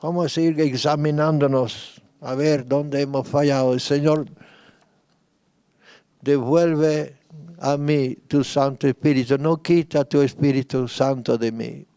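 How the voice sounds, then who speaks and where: A man, a pastor, leading a sermon and spoken prayer, repeating his pleas slowly and fervently. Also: a little high, steady tone, mellow, clear, resonant tone, no room sound. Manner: slow fervent praying, repeating pleas, rising in intensity. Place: church retreat.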